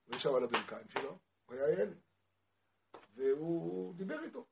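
Male Torah teacher with a high voice, storytelling lesson, animated, questions his listeners, builds to loud passion. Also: gravelly, background noise. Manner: animated, asks the audience questions, grows loud and impassioned.

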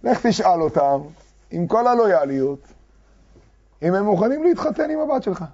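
A man teaching a Talmud lesson to a class, reading quoted texts slowly and then explaining them with fervor. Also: high-pitched, big pitch swings, dark tone. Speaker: Torah teacher. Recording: dull lo-fi recording.

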